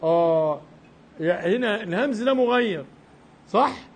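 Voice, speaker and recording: A man's voice: high voice, expressive, unhurried. A man with an Egyptian Arabic accent, explaining a religious recitation lesson step by step and often checking in with rhetorical questions. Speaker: Quran recitation teacher.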